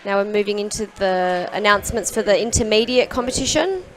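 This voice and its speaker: A woman's voice: mid-range voice, expressive, brisk. A woman giving live commentary as a sports commentator at a diving competition. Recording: background pool hall noise.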